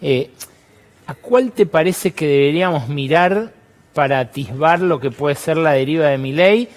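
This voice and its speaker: A man's voice: fairly high pitch, measured pace. A man with a Rioplatense accent hosting an interview show, asking questions conversationally and thanking his guest. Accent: Rioplatense Spanish. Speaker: host.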